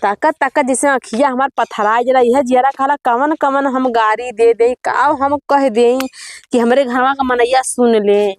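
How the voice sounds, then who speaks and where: A woman's voice: high-pitched, steady tone, unhurried. A woman playing an exasperated village farm wife in a comedy sketch, grumbling plaintively in an Awadhi accent. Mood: grumbling, aggrieved. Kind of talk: rural comedy sketch acting.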